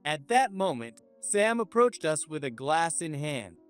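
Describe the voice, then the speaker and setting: A man narrating a scripted first-person story in an even, measured way. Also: a little high, clean tone, faint music behind.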